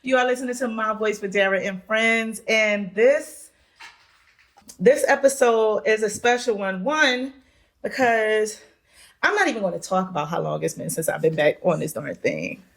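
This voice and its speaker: A young woman hosts her podcast in loose, chatty talk, with a lilt. She is playful and laughs easily, and her voice sits at an ordinary middle pitch. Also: moderate pace. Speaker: podcast host. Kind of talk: casual chat.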